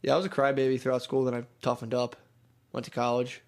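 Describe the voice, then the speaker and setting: A man co-hosting a podcast, telling stories in casual comedic chat and breaking into whiny crying voices. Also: fast. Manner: animated storyteller, breaks into high whiny crying impressions. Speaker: podcast co-host.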